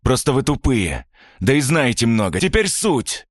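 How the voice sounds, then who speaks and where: A man voicing a cynical, arrogant young male villain inventor who mocks his captives in a slow, menacing drawl. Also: medium pitch, big pitch swings, no room sound, studio quality, voice pushed up. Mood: smug. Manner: gloating, mocking, drawn-out menacing delivery.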